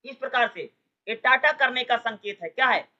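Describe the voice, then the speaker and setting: A man's voice: very high-pitched, moderate pace, bright, forceful tone, muffled recording. A man teaching an exam-prep lesson in a casual, colloquial way, who keeps asking rhetorical questions and answering them himself. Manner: calls listeners "brother", colloquial. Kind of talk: explanatory exam-prep lecture.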